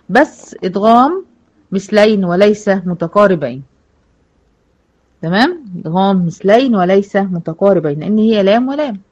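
A woman with an Egyptian accent teaching Quran recitation rules to female students, patiently asking questions and answering them herself. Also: mid-range voice. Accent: Egyptian Arabic. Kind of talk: online tajweed lesson to female students.

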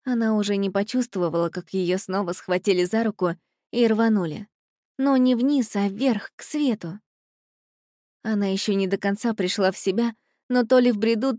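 A woman reading a storybook aloud in an expressive, scripted narration style. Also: medium pitch, normal speed, no room sound, clean studio sound. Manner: expressive, voices the characters in quotes.

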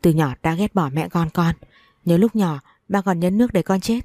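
A woman's voice: lowish voice, moderate pace, mellow, dry recording, clean studio sound, close to an everyday voice. A woman voicing a tearful young woman pleading with her abusive father in a storybook reading.

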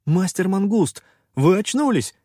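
A shrill, high-pitched young creature. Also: male voice, big pitch swings, unhurried, a little mellow, dry recording, clean studio sound, full character voice. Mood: overjoyed. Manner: shrill, trembling, hissing. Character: excitable young male hopper creature.

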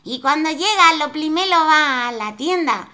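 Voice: high-pitched, expressive, moderate pace, sharp tone. A storyteller telling a folk tale in simple phrasing, dropping articles and singing sound effects.

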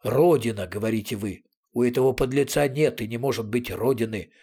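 Stern older fleet commander, imperious and booming, voiced by a man. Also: fairly quick, dark tone, breathy edge. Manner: thundering, commanding.

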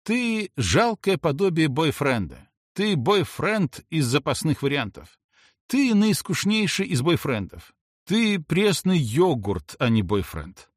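A man's voice: medium pitch, sing-song, measured pace, breathy edge, no room sound, studio quality, full character voice. A man voicing a smug, mocking young male slacker who provokes the narrator.

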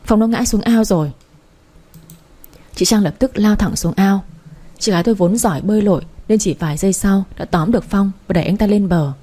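A woman reading a romance story aloud in a steady storytelling manner. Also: mid-range voice, fast, breathy edge. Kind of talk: storybook audiobook narration.

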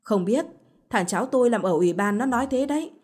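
A woman's voice: a little high, animated, quick pace, a little mellow, husky. A woman voicing an older village woman who gossips insistently at the market, in a storybook reading. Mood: gossipy.

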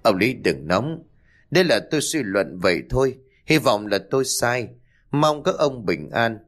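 A man voicing a calm middle-aged feng shui master in a storybook reading, measured and cool. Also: mid-range voice.

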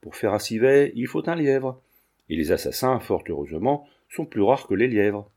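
A man's voice: fairly low pitch, big pitch swings, moderate pace, warm tone, breathy edge, full character voice. A man reading the part of a talkative, breezy young nobleman in an audiobook. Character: chatty young nobleman, lively and glib.

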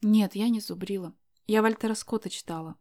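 A shy, conscientious young woman, as a narrator reads her, answers politely and hesitantly in a storybook reading. Her voice sits at a plain middle pitch, soft-spoken and proper. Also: a little fast, lightly acted. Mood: firm.

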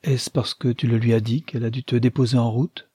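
A man voicing a shrewd, commanding old grandmother in a storybook reading, teasing and sly, with a husky voice. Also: mid-range voice, flat delivery, brisk, a little mellow, dry recording, studio quality. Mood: scheming, teasing.

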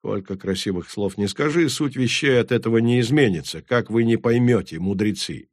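A man's voice: medium pitch, moderate pace, no echo, studio quality, natural voice. A man reading an audiobook, voicing a bitter male werewolf warrior who talks bluntly and swears. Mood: scornful.

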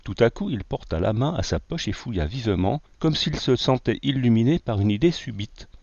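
A man narrating an adventure novel in a steady, measured storytelling voice. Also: medium pitch, no echo. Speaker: audiobook narrator. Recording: dull lo-fi, dry.

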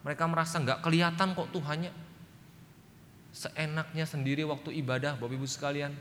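A man's voice: fairly high pitch, steady tone, fairly quick, a bit bright, slight background noise. A male pastor preaching a sermon in a church, emphatic, often turning directly to the congregation. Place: church sanctuary. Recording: church recording with long reverb.

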